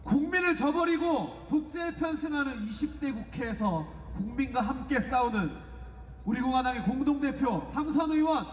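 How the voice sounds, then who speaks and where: A male rally emcee calls out announcements in a very high, declamatory shout. His voice rings with long reverb over an echoey PA system. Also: expressive, moderate pace. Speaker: rally emcee introducing speakers.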